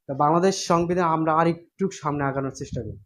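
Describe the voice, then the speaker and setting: Higher-voiced male online tutor. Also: rapid-fire, fairly bright tone. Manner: repetitive, checks in with students often. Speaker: online exam-prep teacher. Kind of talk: casual online lecture.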